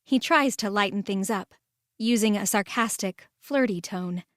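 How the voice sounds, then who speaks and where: A woman narrating a first-person story in a calm, measured way and voicing the lead. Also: medium pitch, no echo, studio quality.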